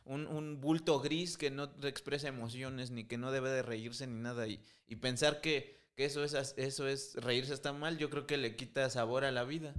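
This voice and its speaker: A man's voice: mid-range voice, steady tone, normal speed, hardly any pauses, fairly bright tone. Guy cohosting a podcast, earnest, talks to the listeners like brothers. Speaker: podcast co-host. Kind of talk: casual podcast chat.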